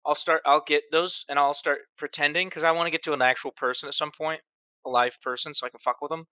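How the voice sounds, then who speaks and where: A man telling animated stories on a podcast and laughing often. His voice is strikingly bright and smooth, and it sits a little high for a man. The sound is dry and close to the mic. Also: fast, no room sound. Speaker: podcast co-host. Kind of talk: casual chat.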